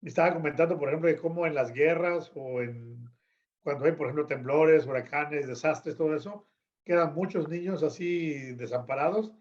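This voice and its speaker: A man's voice: on the high side, moderate pace, darkish tone. Earnest man on a dull, lo-fi line. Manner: earnest, restarts phrases. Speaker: guest. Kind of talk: casual discussion.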